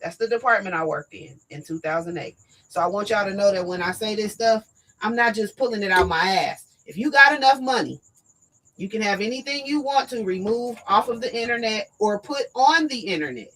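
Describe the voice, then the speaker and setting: Hoarse woman hosting a live talk show. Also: a little high, a bit bright, poor audio. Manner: direct, emphatic, addresses viewers as y'all. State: losing her voice. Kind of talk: casual live-stream talk.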